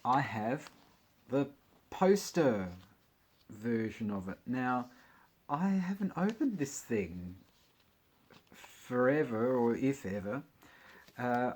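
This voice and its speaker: A man's voice: medium pitch, darkish tone, a little hiss or hum. A man chatting casually about his record collection, with wry, jokey asides. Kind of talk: casual chat while unboxing records.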